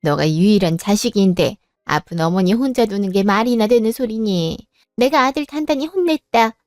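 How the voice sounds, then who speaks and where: A woman's voice: mid-range voice, normal speed, darkish tone, dry recording, clean studio sound, lightly acted. A woman playing an older mother-in-law who speaks firmly but kindly. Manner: firm, motherly, decisive. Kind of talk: Korean drama voice acting.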